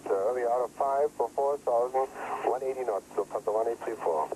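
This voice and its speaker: A man's voice: medium pitch, moderate pace, mellow, slight background noise, low-quality recording. Male pilot over a cockpit radio headset. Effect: pilot talking over a cockpit radio headset. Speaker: airline pilot. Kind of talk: clipped radio readbacks in English.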